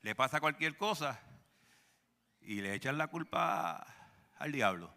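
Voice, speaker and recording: A man's voice: a little high, expressive, slow, creaky, bright, forceful tone, big-room sound. A male pastor preaching a sermon in a church, joking and calling out to the congregation. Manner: humorous, calls out to the congregation. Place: church sanctuary.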